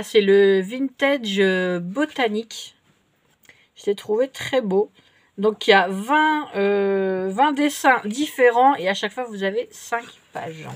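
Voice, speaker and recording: A woman in middle age, her voice sitting at a medium pitch, talks through a shopping haul of paper and stickers. She is chatty and relaxed, trailing off and correcting herself as she goes. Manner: chatty and unhurried, many fillers and self-corrections. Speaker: vlogger showing craft purchases. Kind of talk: casual show-and-tell haul.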